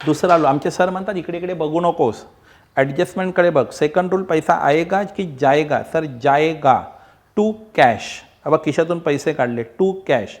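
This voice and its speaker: Male tutor, fairly high voice, pleading, repetitive online lecture delivery. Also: moderate pace. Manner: coaxing, repetitive, mixes Marathi, Hindi and English; acts out student replies. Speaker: accounts teacher.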